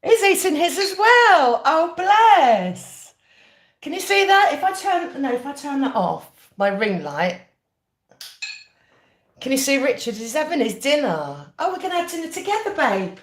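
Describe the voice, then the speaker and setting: A woman's voice: high voice, very animated, a little slow. British woman chatting through a mukbang, echoey room. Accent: British English. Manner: chatty mukbang-style talk while eating dinner. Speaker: livestream host. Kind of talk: casual live chat over a meal.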